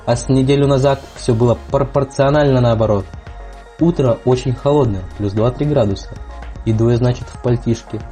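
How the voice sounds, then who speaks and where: A young man with a mellow, relaxed voice at an average pitch. He tells a wry, anecdotal weather report over light background music. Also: fairly quick. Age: young adult. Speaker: weather correspondent. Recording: music playing under the voice.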